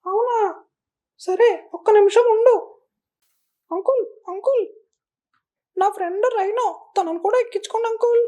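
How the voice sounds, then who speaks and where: A woman voicing an excitable young squirrel who keeps calling out and begging for help in a cartoon. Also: extremely high pitch, normal speed, pauses often. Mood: eager. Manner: urgent, repeatedly calling out and begging. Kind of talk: cartoon voice acting.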